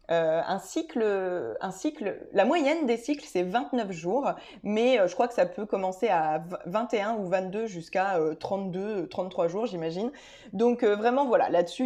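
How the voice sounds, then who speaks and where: A woman vlogger explains things to her viewers in a loose, informal way, speaking directly to them at a medium pitch with a warm tone. Her chatty talk is full of filler sounds, restarts, and little tangents.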